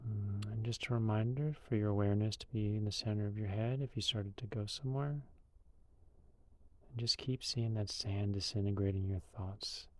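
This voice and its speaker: A man with a lowish voice leads a guided meditation, calm, unhurried and loosely conversational.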